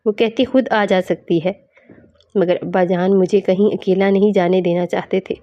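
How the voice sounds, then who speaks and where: A woman narrating a scripted moral story in a steady, even storytelling manner. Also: medium pitch. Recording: slightly muffled lo-fi.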